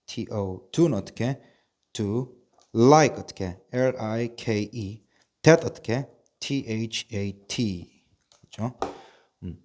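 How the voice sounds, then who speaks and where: Slow, patient male teacher spelling words. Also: fairly low pitch, darkish tone. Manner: drills spelling, spelling words out letter by letter; asks and answers his own questions. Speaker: English teacher. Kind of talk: online spelling lesson. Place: recording a video lesson.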